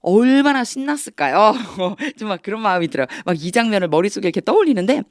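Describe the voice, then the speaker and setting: A woman's voice: medium pitch, expressive, quick pace, no echo, studio quality. A woman teaching English through Bible reading, explaining each phrase patiently and repeating words to drill pronunciation.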